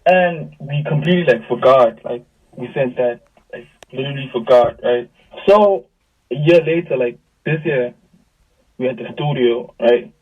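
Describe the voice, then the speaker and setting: A young music artist from South Africa, guesting on an interview via video call, talks at a moderate pace in a breathy, medium-pitched voice. He recounts stories in an animated, slangy manner, voicing quoted dialogue. The call audio is distant and phone-thin.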